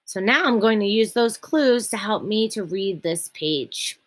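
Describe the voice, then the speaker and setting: Patient and clear, a young female teacher takes children through a reading lesson, pausing to slow down on each point. Her mid-range voice is animated, and she reads passages aloud with lots of expression.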